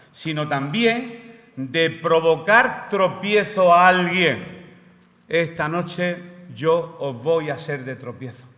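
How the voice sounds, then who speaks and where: Bright-voiced man preaching in a church. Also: on the high side. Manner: explanatory, asks the congregation rhetorical questions. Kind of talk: sermon. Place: church hall. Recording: roomy church hall reverb.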